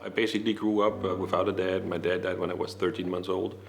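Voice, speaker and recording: A man in his forties with a German accent, telling his story in a documentary interview, measured and pausing with fillers. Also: deep voice, level tone, slight background noise. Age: 40s. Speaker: pilot and flight school owner.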